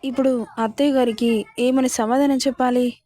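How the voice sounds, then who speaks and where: A woman's voice: sits high, fairly even intonation, normal speed, dark tone, close to an everyday voice. A woman voicing a shy, anxious young bride who speaks hesitantly in a told story. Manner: hesitant, subdued. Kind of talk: storybook narration.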